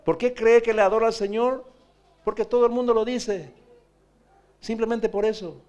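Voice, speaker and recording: A man's voice: sits high, steady tone, moderate pace, a little mellow. A man, preaching a sermon as pastor, pressing his point with repeated rhetorical questions.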